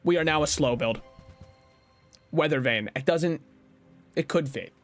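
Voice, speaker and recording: A man's voice: a little high, measured pace. A man streaming a card game, talking casually through his moves, swearing now and then and laughing at his own jokes. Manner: chatty, swears, laughs at himself. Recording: faint music behind.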